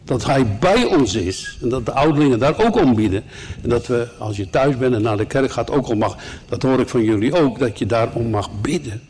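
A man's voice: medium pitch, lively intonation, moderate pace, darkish tone, a little hiss or hum. Earnest man preaching a sermon. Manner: earnest, emphatic, with asides to the listeners.

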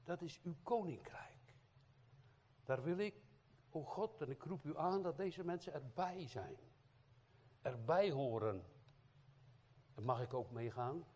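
A man's voice: on the high side, lively intonation, slow, pauses often, darkish tone, husky. A man, an evangelist, giving an informal sermon, often adding tag questions and filler sounds as he talks to the congregation. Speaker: evangelist preacher.

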